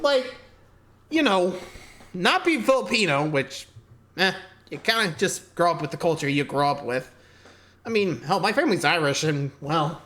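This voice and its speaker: A woman's voice: lowish voice, fairly bright tone. A woman hosting a reaction video, rambling casually between laughs.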